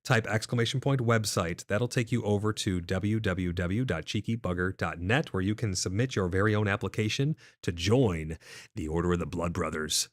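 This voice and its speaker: With a deep voice at normal speed, a man hosts a live gaming stream, reading chat messages aloud and casually answering his audience. He comes across slightly nasal and stuffed up. The clean studio sound has no echo.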